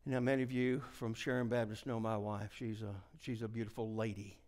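A middle-aged man preaches a revival sermon full of folksy stories, swinging from hushed near-whispers to shouted climaxes. His voice is fairly low with little pitch movement, and he speaks briskly.

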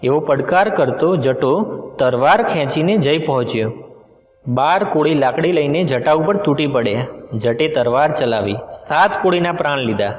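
A man's voice: fairly high pitch, animated, moderate pace. Man telling a folk tale, echoey. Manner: dramatic storytelling with voiced exclamations. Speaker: storyteller. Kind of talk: narrated folk tale reading. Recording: echoey reverberant room with music behind.

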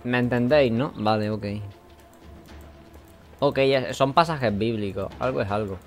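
A man with a Spain Spanish accent giving casual let's-play commentary, chatty and mumbling his asides, with bursts of shouting. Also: medium pitch, unhurried, soft background music. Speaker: gaming host.

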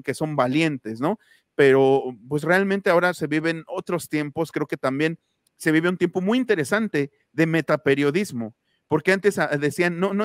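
Halting Mexican man, dry close sound. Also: on the high side, no room sound. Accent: Mexican Spanish. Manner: halting, many restarts and repeated words. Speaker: political commentator on an online show. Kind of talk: casual panel commentary.

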